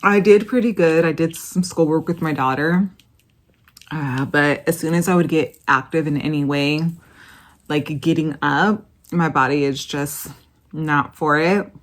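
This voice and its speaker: A woman with a low voice talks to camera in a casual vlog. She speaks slowly and softly, tired and halting. Her phrases trail off into long pauses. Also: fairly even intonation. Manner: slow, soft, tired and halting. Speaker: vlogger.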